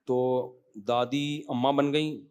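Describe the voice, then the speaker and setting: An Islamic scholar delivers an emphatic, conversational religious lecture, often tossing rhetorical questions at his audience and then answering their questions. His mid-range voice is steady, a little mellow, and clean in tone.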